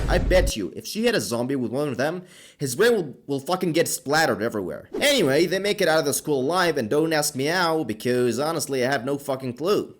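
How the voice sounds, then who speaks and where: A man narrates an anime recap as comedy, with a lot of swearing and mock exasperation. His pitch swings widely as he riffs on each scene. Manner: sarcastic, profane, exasperated.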